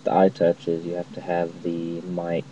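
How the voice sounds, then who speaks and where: A young man with a low, flat voice gives a casual, moderately paced app-review tutorial to camera from a dim, cluttered room at home. He uses a laptop mic and later a phone headset mic, producing a lo-fi, muffled, noisy webcam-style recording with a distant mic.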